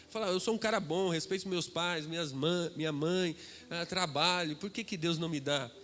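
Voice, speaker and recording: A middle-aged man with a Brazilian accent, a guest preacher telling a dramatic testimony that swings between loud and hushed. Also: fairly high pitch. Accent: Brazilian Portuguese. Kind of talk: testimony sermon. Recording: reverberant hall with music behind.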